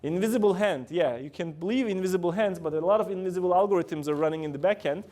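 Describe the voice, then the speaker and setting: A middle-aged guest lecturer with a Turkish accent, a fast talker with a high-pitched, darkish voice, speaks to students in a university room. He asks the room frequent questions, and his grammar is loose.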